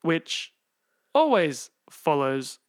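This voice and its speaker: A man co-hosting a podcast, briefly talking in a slow, stiff, robot-like voice. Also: fairly high pitch, big pitch swings. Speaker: podcast co-host. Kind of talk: casual podcast chat.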